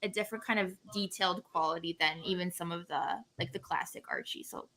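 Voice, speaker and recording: A young woman co-hosts an interview over a video call. Her voice is bright and clear. She rambles with plenty of fillers and small laughs. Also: fairly low pitch, steady tone, fast talker. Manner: rambling, filler-heavy, giggly. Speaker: co-host. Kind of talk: casual interview. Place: home room on video call.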